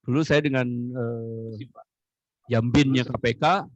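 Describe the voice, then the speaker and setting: A man's voice: mid-range voice, fairly even intonation, slow, no room sound, muffled recording. A man answering audience questions as an agency official, rambling with frequent fillers and tag phrases. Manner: rambling, many "eh" and "gitu kan ya" tags. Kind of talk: Q&A answers in a webinar.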